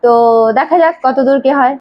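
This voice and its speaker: An English teacher, a woman with a high, steady voice, gives a spoken pronunciation lesson to a small class in a classroom with a board. She speaks fairly quickly and patiently repeats each sound again and again. The recording has its high frequencies cut off.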